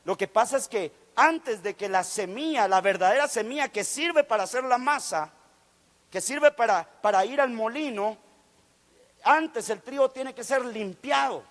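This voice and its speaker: Man, fervent sermon, very high voice, long church reverb. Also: measured pace, a bit bright. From Guatemala. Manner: fervent preaching, acts out quoted voices, rising to exclamations. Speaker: guest preacher. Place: church sanctuary.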